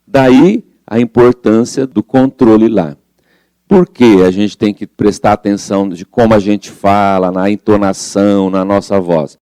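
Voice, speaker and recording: A man's voice: on the low side, a little slow, dark tone, smooth, no room sound. A man leading a study group, explaining a spiritual book and reading passages aloud in a conversational way that asks the group questions.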